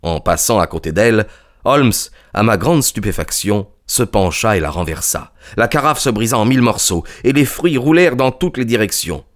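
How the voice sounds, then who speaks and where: A man reading a classic mystery aloud in measured, steady narration. His voice sits fairly low, and the pacing is calm and even. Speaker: audiobook reader. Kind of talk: literary audiobook narration.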